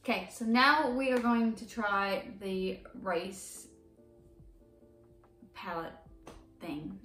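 A woman's voice: mid-range voice, expressive, slow, fairly bright tone. A young woman hosting a casual vlog, chatting and reacting with squeamish disgust as she tastes candy. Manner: chatty, squeamish, laughs easily. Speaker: vlog host. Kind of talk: casual chat while taste-testing candy. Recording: roomy sound from a distant mic, faint music.

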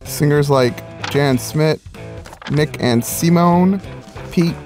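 A man's voice: fairly high pitch, slow pace, a little mellow. A man from the United States chatting in a casual travel vlog with dry jokes. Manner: dry, joking. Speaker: vlogger. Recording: music playing underneath.

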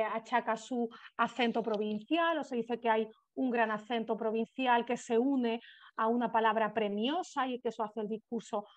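A woman giving an academic conference lecture, often pausing with hesitant fillers. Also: on the high side, no echo. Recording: dull dry recording.

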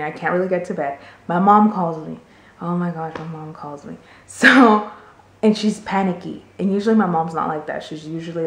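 Chatty young woman vlogger, echoey room. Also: on the low side. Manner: chatty, rambling, many "like" fillers. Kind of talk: casual storytelling to camera.

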